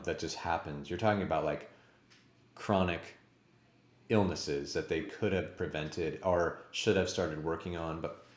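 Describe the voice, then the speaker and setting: A man in his forties with a very deep, low voice hosts a casual interview chat. He talks in a rambling, self-deprecating way, and the room sounds echoey around him. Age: 40s. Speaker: podcast host.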